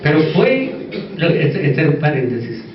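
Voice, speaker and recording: A man with a Puerto Rican Caribbean Spanish accent speaks in a slightly high voice, lecturing informally with asides. He repeats key words and seeks agreement. The recording is dull and picked up from a distance. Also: very animated, moderate pace, a crowd in the background. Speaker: conference speaker. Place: echoey indoor conference room. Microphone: distant microphone. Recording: echoey room, distant dull mic, faint noise.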